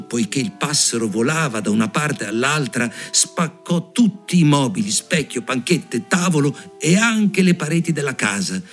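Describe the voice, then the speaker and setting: A man reads a fairy tale aloud in expressive storytelling. His voice moves up and down with lively emphasis. Soft music plays faintly underneath. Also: medium pitch. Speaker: reader.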